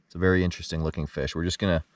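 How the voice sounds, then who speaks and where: A man in his thirties filming a solo fishing vlog at a lakeshore at night, chatting to the camera with easy excitement. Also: sits low, racing, dry recording, clean studio sound, distant mic. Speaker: fishing vlogger. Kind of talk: casual solo outdoor vlog. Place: dark forest lakeshore at night, outdoors.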